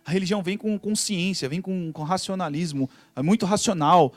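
A man with a high, quick voice speaks in an animated, preachy way. The sound is close and dry. He keeps turning to his listener with "cara". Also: no echo. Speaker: podcast host. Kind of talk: casual religious talk.

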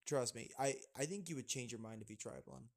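A man co-hosting a casual podcast, relaxed and chatty, laughing often and restarting his sentences. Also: medium pitch, fast talker, creaky. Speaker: podcast co-host. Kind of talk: casual chat.

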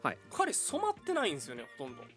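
A man's voice: on the high side, huge pitch swings, very fast, a bit bright, faint music behind. A man with a Kansai accent co-hosting a casual chat, teasing and laughing often. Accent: Kansai Japanese. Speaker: podcast co-host.

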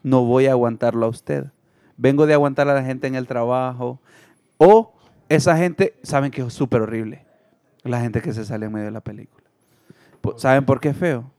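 A young man, co-hosting a casual group podcast with animated, joking rants. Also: mid-range voice, moderate pace, no room sound, studio quality. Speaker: podcast co-host.

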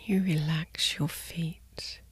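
A woman guiding a sleep meditation in a soft, soothing spa-like whisper, gently and in short, unhurried phrases. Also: low-pitched, steady tone, slightly rough, no echo. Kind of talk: guided sleep meditation narration.

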